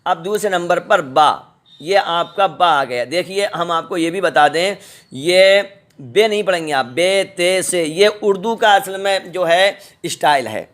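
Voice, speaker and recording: A middle-aged man with a high-pitched, slightly bright voice teaches the Quran's alphabet in a recorded lesson. He's patient and repetitive, sounding out each letter slowly.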